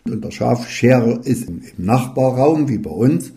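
A middle-aged man, a shepherd, explaining his work in an interview in a plainspoken, halting way and often repeating words. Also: medium pitch, animated, mellow.

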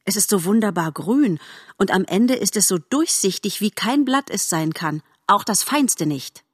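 A woman's voice: medium pitch, animated, a little slow, slightly rough, no room sound, clean studio sound. Woman doing a shy, eager young fawn. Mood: excited. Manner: eager, modest and bright. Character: young male fawn, shy, polite and wide-eyed.

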